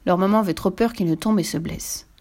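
A woman reading a children's story aloud with gentle, expressive narration. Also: lowish voice, fast talker.

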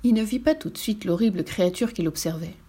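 A woman reading a children's storybook aloud as the narrator, in a lively, expressive way. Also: medium pitch, fast, breathy edge.

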